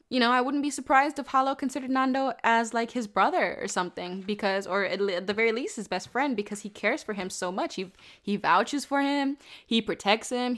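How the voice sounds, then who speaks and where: A young woman with a fairly high-pitched voice casually reviews a show in an animated, rambling way. She swears now and then and mocks the characters using put-on voices.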